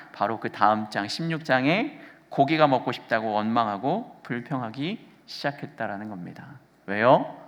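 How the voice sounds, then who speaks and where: A man's voice: medium pitch, sharp tone. A man in his thirties preaching a sermon as pastor, asking the congregation questions as he goes. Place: church sanctuary. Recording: long church reverb.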